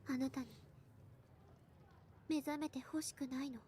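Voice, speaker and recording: A woman voicing a hushed, secretive teen girl. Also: high-pitched, fairly even intonation, fairly quick, a little hiss or hum, close to an everyday voice. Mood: soft. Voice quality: soft, hushed. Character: gentle, secretive teenage girl, soft-spoken. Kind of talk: anime game voice acting. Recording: voice clip played from a game.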